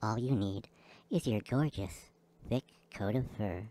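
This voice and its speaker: A man guiding a listener through a slow, soothing hypnosis session. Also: lowish voice, warm tone. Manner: slow, soothing, repetitive delivery. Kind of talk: guided hypnosis script.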